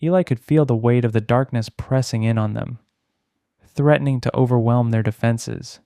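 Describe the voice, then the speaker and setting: A man narrating a bedtime fantasy story in a measured way with dramatic pauses. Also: mid-range voice, warm tone, clean tone, dry recording, studio quality.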